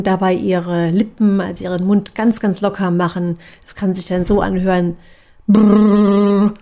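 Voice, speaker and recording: A woman voice coach giving a calm, measured lesson on breathing and articulation exercises. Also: lowish voice. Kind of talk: instructional voice training lesson.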